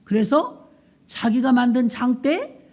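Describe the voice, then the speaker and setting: A woman pastor preaching in an animated storytelling style, acting out the scenes and asking the congregation questions. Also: fairly high pitch, slow pace. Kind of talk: sermon storytelling.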